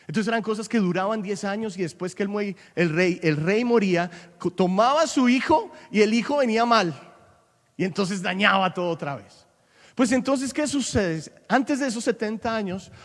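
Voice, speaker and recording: In a large church hall full of long reverb, a male pastor with a somewhat high voice gives a lively sermon, moving between Spanish and occasional English and rising now and then to loud, forceful peaks.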